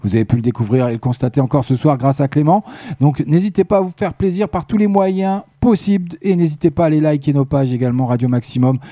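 A man hosting a live evening radio show, chatty and joking with listeners, his voice going hoarse. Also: fairly high pitch, steady tone, fast, dark tone, no room sound. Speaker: radio host. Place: radio studio.

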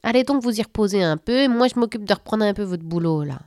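A woman's voice: mid-range voice, expressive, quick pace, a little mellow, no room sound, clean studio sound, close to an everyday voice. A woman voicing a brash, cheeky male tooth-fairy mouse with a Belgian French accent, talking in a mocking, cocky way. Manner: cocky, mocking, sprinkles "hein" and "là".

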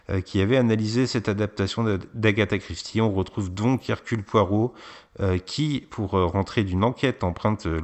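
Low-voiced man reviewing films. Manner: hesitant, many fillers. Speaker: film podcast co-host. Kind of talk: casual film review chat.

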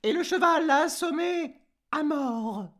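A distressed farm mistress wails in a very high, sing-song voice, as a man puts her on for a storybook tale. Her cries ride loud and lively. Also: measured pace, heavily acted. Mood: lamenting. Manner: wailing, high-pitched lament.

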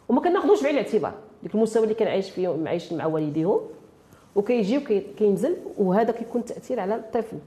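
A woman's voice: medium pitch, mellow. A woman with a Moroccan Arabic accent in a spontaneous interview, repeating words as she searches for her phrasing. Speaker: interview guest, women's association activist.

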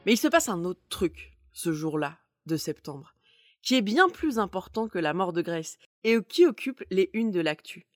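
A woman's voice: on the low side, sing-song, normal speed, dry recording. A woman hosting and telling stories from a script in a conversational manner with wry asides. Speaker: podcast host. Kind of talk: semi-scripted storytelling narration.

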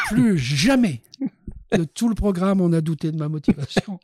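Lively older Frenchman telling stories. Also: sits high, slow, breathy edge, dry recording, studio quality. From France. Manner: animated anecdotes, laughs often, hesitant fillers. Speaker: guest, dental surgeon. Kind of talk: casual storytelling interview.

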